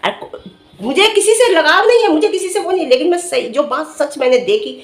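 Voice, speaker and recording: A woman's voice: sits high, expressive, brisk, reverberant. A middle-aged woman vlogger giving direct-to-camera commentary, earnestly lecturing and scolding with rhetorical questions. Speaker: vlogger commenting on another family's dispute.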